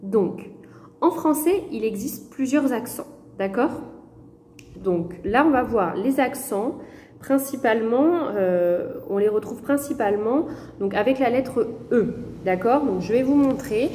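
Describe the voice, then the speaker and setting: A woman's voice: on the high side, expressive, a little slow, dark tone, a little hiss or hum. A woman teaching a lesson to young children, explaining patiently and checking often that they follow. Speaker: primary school teacher. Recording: echoey room reverb.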